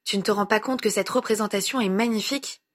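Ginny, a woman reading a brisk young woman. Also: medium pitch, lightly acted. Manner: brisk, dismissive.

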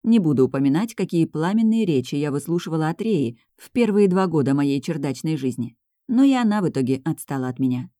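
A woman reading a first-person audiobook in a lively, sardonic storytelling manner, close to the mic. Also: deep voice, brisk, no echo. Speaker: audiobook reader.

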